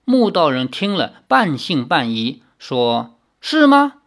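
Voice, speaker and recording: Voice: medium pitch, big pitch swings, slow pace, fairly bright tone. An audiobook narrator reading a novel dramatically, with casual asides.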